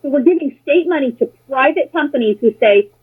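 Speaking in a high-pitched, expressive voice that runs a little fast, an American woman tells blunt, sarcastic, opinionated stories and swears freely. She's an interview guest and former political candidate, and the sound is muffled and lo-fi, like a phone call.

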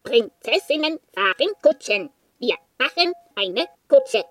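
A woman's voice: high-pitched, big pitch swings, takes it slowly, background noise, full character voice. A woman voicing a bored, muddled talking machine in a storybook, speaking in clipped, literal-minded phrases. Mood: fussy. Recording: loud clicks and phone noises.

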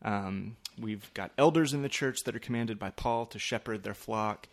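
Lowish-voiced man hosting a casual podcast. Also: a bit bright. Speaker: podcast host, church pastor. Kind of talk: casual, explanatory podcast talk.

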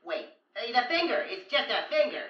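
A man's voice: very high voice, very animated, fairly quick. An actor playing a frantic, rambling man warning of danger in an audio drama. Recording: lo-fi, roomy.

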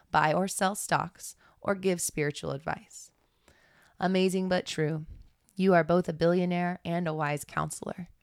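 A woman reading a guided meditation in a slow, soothing, measured manner. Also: sits low, no room sound, studio quality. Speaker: podcast guest reading aloud.

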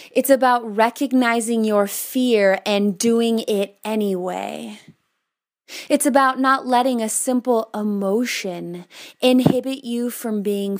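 A woman in her twenties delivering a prepared personal speech, telling a story with measured, dramatic pauses. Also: mid-range voice, darkish tone. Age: 20s. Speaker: speaker.

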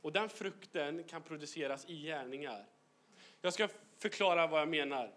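Lively joking preacher man. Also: fairly high pitch. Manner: animated, joking, slips into English phrases. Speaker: youth pastor. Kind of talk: humorous sermon. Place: church hall.

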